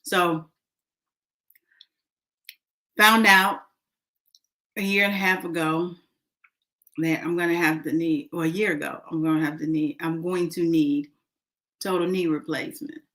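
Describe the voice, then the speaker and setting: A woman speaks in a low, relaxed voice, taking her time. She chats casually to her viewers, filling pauses with ums and uhs. She talks while eating. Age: adult, mother of a son. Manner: chatty, eats while talking, many fillers. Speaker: vlogger. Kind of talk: casual eating and talking vlog.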